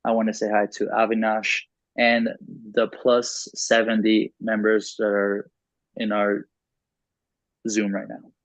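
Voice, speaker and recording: On an online group call, this English–Spanish consecutive interpreter speaks slowly in a fairly low monotone. The call audio is dry, dull, and lo-fi, with no room sound.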